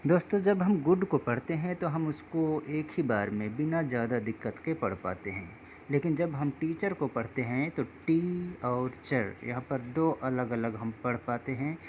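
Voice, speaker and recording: A man teaching English pronunciation rules in a slow, patient way, often calling his viewers friends. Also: medium pitch, a little mellow, dull audio, slight background noise.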